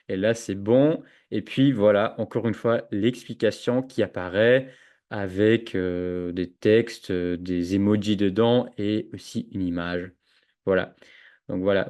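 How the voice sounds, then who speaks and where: An educational software trainer, a man with a fairly low voice, walks teachers through a screen-share tutorial during a webinar with chat. He hesitates a lot, filling gaps and restarting sentences, and he's recorded at his computer on its own microphone with noise suppression.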